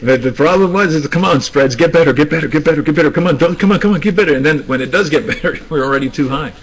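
A man's voice: on the high side, racing, poor audio. A man hosting a live forex trading room, talking traders through the market with many restarts and hesitations. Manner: hesitant, restarts, coaxing the screen. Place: trading room, screen recording.

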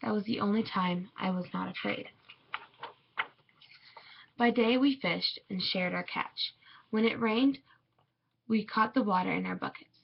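A woman reading a children's picture book aloud in a measured, expressive way. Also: medium pitch, gravelly, a little hiss or hum. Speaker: storybook reader. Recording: dull lo-fi recording.

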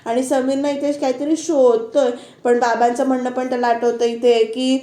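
A woman's voice: high-pitched, little pitch movement, moderate pace, warm tone, reverberant. A woman reviewer giving a casual recap of a TV serial episode as a voice-over, talking straight to her viewers in a chatty way. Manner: chatty retelling that addresses viewers directly.

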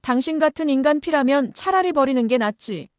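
A man's voice: very high-pitched, expressive, brisk, dry recording, clean studio sound. A synthetic-sounding woman reading the lines of a bitter young estranged son, clipped and tense.

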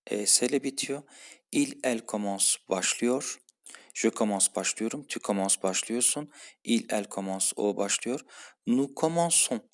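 Patient low-voiced man teaching French. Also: normal speed. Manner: patient, repeats each form with its translation. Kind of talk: explaining French grammar for a Turkish-speaking class.

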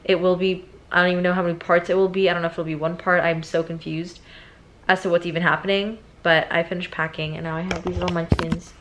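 A young woman in her twenties, a travel vlogger, chatting excitedly and rambling, now and then congested with sniffles. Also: on the low side, fast talker. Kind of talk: casual vlog chat. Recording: noisy phone vlog audio.

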